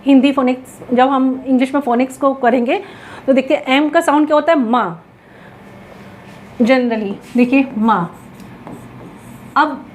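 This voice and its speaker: A woman's voice: sits high, a little hiss or hum. A woman teaching English grammar in Hindi mixed with English, asking questions and answering them herself as she writes on a board.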